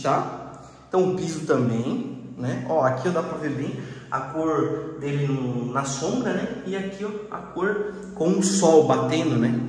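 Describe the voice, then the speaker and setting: A man's voice: on the high side, a little hiss or hum. A man giving a casual, slangy house tour, chatting to viewers and pointing out details as he walks through an empty house. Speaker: real estate video host. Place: empty house with bare hard floors. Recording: echoey empty rooms, long reverb.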